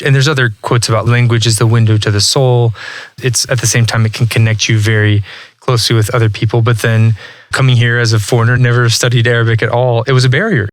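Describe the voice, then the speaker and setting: This fast-talking man, with a mid-range voice and no echo, is a thirty-something language learning entrepreneur from Texas, USA. As a podcast guest in casual interview talk, he sounds relaxed and thoughtful, restarting sentences often and using "like" a great deal.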